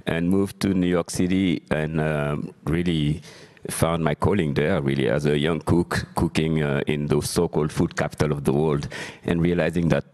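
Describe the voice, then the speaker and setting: Man from Senegal, panel speaker, extremely low voice, measured storytelling with fillers. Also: fairly even intonation, darkish tone. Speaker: chef and panelist.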